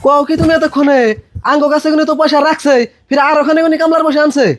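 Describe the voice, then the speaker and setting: A man acting an excitable, timid village farmer in a comedy drama, indignant and quick. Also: very high-pitched, soft background music. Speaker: neighboring farmer.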